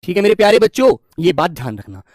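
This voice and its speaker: A man's voice: sits high, sing-song, darkish tone, no room sound. Male grammar tutor, coaxing and reassuring with his students, stretches words out when dictating, dry close recording. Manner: affectionate and reassuring, keeps calling students "dear children"; dictates slowly word by word while writing. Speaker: Hindi grammar teacher. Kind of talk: online exam-prep grammar lesson.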